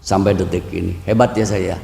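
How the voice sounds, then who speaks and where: Betawi-accented male preacher, casual and comic, acts out home dialogue; gravelly voice, echoing hall with long reverb. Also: deep voice, steady tone, fairly quick, dark tone, a little hiss or hum. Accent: Jakarta Betawi. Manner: joking and bantering with the audience; acts out dialogue with his wife. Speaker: Buddhist preacher. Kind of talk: humorous dharma talk. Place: temple hall.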